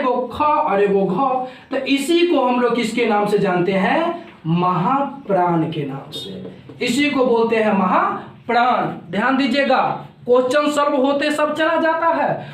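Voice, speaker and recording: A man's voice: very high-pitched, a bit bright. A male teacher explaining a grammar lesson, repeating each point and asking and answering his own questions. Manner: repetitive, explanatory, asks questions and answers them himself. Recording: roomy echo.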